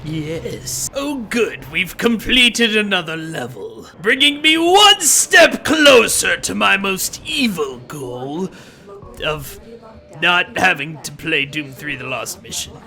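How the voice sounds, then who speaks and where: A smug, self-important villain, as a man puts him on, sneers through his game commentary with hammy theatrical flair. His voice sits high and swoops widely between sarcastic lows and dramatic peaks. The tone is very bright and cutting. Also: animated, slow, slight background noise, heavily acted. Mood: sardonic. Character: pompous gloating male demon-scientist villain, self-important. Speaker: let's play host.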